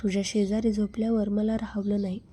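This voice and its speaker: A woman's voice: mid-range voice, level tone, fairly quick, dark tone, husky, natural voice. Woman voicing a brazen, pushy man.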